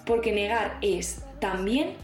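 A woman columnist reading a scripted opinion piece on the radio in a measured, earnest way. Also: mid-range voice, animated, faint music behind. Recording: roomy recording.

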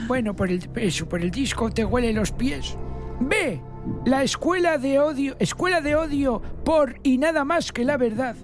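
A high, theatrical voice with a Spanish accent from Spain , put on by a performer as a zany quiz professor. Announcements are mock-grand and silly, as on a comic radio game show, with music clearly behind. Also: expressive, normal speed. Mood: mock-grand announcing. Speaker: quiz segment presenter.

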